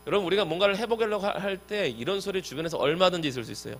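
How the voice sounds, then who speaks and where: Brief: male youth pastor, slightly high voice, preaching in a lively, direct way to teens. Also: a little hiss or hum. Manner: lively, talks directly to listeners. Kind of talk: youth sermon.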